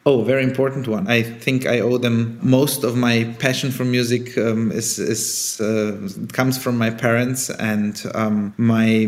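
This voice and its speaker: A man born in Bulgaria, raised on Bulgarian and Italian, answers a podcast interviewer at a middle pitch. He speaks thoughtfully and searches for his words, often restarting a phrase. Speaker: guest, orchestra conductor and startup founder.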